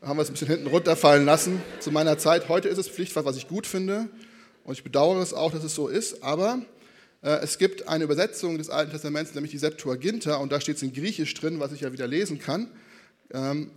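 A man's voice: a little high, fairly quick. A man preaching a sermon in a conversational way, often checking in with his listeners. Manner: conversational, with frequent tag questions and lively re-enacted quotes.

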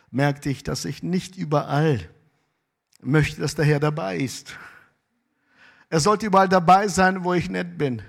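Man, pastor, sermon, fairly high voice, emphatic and animated, loud bursts and quiet asides. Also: vocal fry, slightly rough.

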